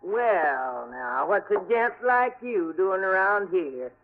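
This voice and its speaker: A woman's voice: mid-range voice, sing-song, takes it slowly, faint music behind. A woman playing a nosy, brusque rooming house manager in 1950s radio drama, suspicious and chatty. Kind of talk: 1950s radio character acting. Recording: vintage narrow-band radio.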